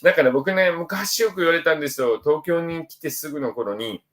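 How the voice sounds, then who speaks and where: A man's voice: a little high, fairly quick, fairly bright tone. A middle-aged man from Osaka, a spiritual counselor hosting a casual livestream and chatting upbeat through viewer comments. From Osaka, Japan. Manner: chatty and upbeat, voice jumps up when reading out names.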